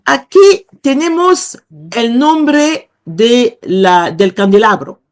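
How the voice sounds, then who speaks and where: Woman professor, high voice, measured unhurried delivery, pauses to find her words. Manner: slow, hesitant, searching for words. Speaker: guest professor. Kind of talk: explaining a language lesson.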